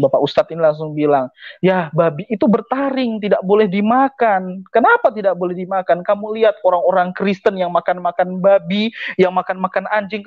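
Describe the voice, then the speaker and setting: A man's voice: sits high, dry recording, narrow, tinny audio. A man telling his personal faith testimony in an earnest storytelling manner, acting out the things people said to him.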